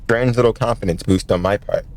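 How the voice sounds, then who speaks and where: A man's voice: fairly low pitch, brisk, a little mellow. A man streaming a visual novel, joking and chatting with his viewers as he reads. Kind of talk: casual let's-play commentary.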